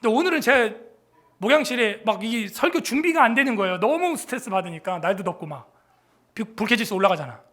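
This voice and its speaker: A man in his forties preaches in a church, talking like he is chatting with the congregation and cracking jokes. His voice sits high and comes through bright and forceful. He drops to quiet mutters and then bursts out loudly. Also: lively intonation, fast. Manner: conversational, joking, swings from muttering to loud exclamations. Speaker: pastor. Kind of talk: sermon. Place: church sanctuary.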